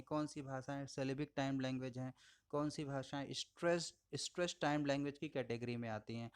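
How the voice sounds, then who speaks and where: A man giving a recorded audio lecture, explaining patiently, addressing listeners as friends and slowing down to model words. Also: mid-range voice, smooth. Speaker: English teacher.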